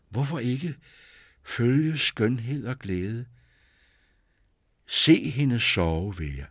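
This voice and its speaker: A man playing a young prince caught by temptation, speaking in an earnest, hushed voice that drops into whispers. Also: medium pitch, no echo, studio quality. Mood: pleading.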